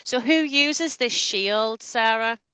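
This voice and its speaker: A woman's voice: a little high, slow, pushed and bright, clean tone, poor audio. A woman playing a panel guessing game, chatting bluntly with plenty of swearing. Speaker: panel player. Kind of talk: casual panel game chat.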